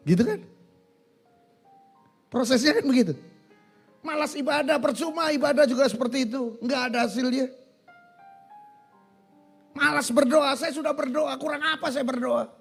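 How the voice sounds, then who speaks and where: A male pastor preaching a sermon in a church, animated, asking the congregation questions and answering them himself. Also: extremely high pitch, husky.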